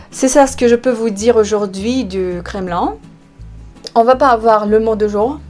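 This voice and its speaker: A woman from Russia with a Russian accent gives an online language lesson, slightly high in pitch. She speaks very slowly, pausing with hesitations and repeating examples. Soft music plays faintly behind her. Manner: slow, explanatory, frequent hesitations and repeated examples. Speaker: language teacher.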